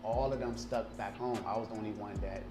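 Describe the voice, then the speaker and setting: Male guest, 30s, Liberian-born, lively anecdotal delivery; roomy recording with music bed. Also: on the low side, a little fast. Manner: animated storytelling, frequent fillers and restarts. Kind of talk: casual interview. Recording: roomy sound with music underneath.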